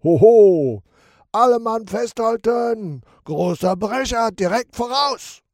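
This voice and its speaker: Storybook pirate captain: bold braggart, booms over a storm, raspy , as a man puts him on. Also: very animated, slow, a little mellow, dry recording, clean studio sound, heavily acted. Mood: boastful. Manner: booming, blustering. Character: boastful, loud male pirate captain.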